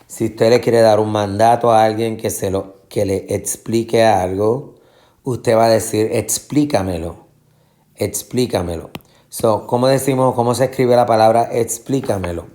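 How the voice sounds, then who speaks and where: A man teaching a Spanish lesson, explaining patiently and repeating words slowly to show where the stress falls, with English fillers mixed in. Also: on the low side, steady tone, mellow. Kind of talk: classroom lesson.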